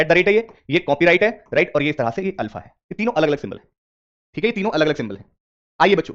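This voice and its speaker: A man's voice: sits high, highs cut off. A man teaching a reasoning class live online, repeating questions and coaxing his students with English terms mixed in.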